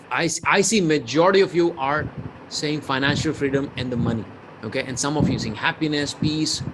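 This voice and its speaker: A man from India with an Indian accent and a fairly high voice leads a live business-mentoring webinar, full of energy and rhetorical questions. He reads out chat replies and mixes in Hindi, with noise in the background.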